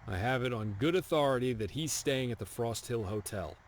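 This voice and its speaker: A man's voice: mid-range voice, expressive, a little fast, slight background noise, natural voice. An actor playing a stern male military officer who hands out a kill contract in a formal, clipped, contemptuous way. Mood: stern briefing. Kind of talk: video game dialogue.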